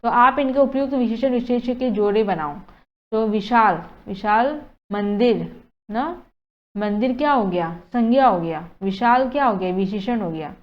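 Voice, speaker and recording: Heard through dull lo-fi audio, a woman teacher with a fairly high-pitched voice talks through a lesson in an unhurried, conversational way. English words slip into her explanation, and she frequently checks in with "okay" and "theek hai."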